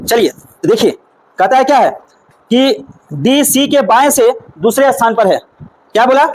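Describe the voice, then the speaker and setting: A man's voice: very high-pitched, lively intonation, measured pace, darkish tone, a little hiss or hum, poor audio. A man teaching a reasoning class with a Bihari Hindi accent, repeating questions and coaxing his students toward each answer.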